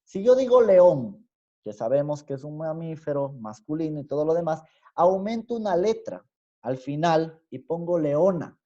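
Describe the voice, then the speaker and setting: A male university teacher with an Ecuadorian highland accent gives an online class lecture. He explains step by step and keeps checking in with a rising "¿sí?". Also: a little mellow. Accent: Ecuadorian highland Spanish. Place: home room on a video call. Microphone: computer mic on a video call. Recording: dull, lo-fi video-call audio.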